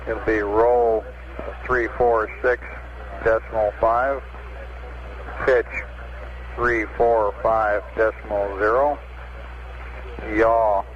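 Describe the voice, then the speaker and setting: A man working as mission control's capsule communicator over a crackly, breaking-up space radio link, with clipped radio procedure, reading numbers digit by digit. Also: lowish voice. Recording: dull, lo-fi radio transmission with faint static.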